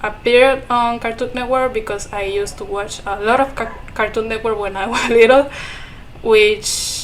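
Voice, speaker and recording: As a guest in a relaxed podcast conversation, this young Ecuadorian woman, whose first language is Spanish, speaks accented English and giggles frequently while hunting for words. Her voice is slightly high and steady at a moderate pace, in a rough recording with slight background noise.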